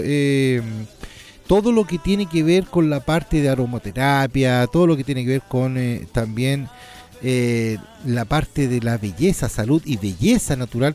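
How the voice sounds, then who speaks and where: High-voiced man hosting a health infomercial. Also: darkish tone. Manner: didactic, frequently checks in with tag questions. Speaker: host of a natural health sales programme. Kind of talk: informal infomercial presenting. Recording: faint music behind the voice.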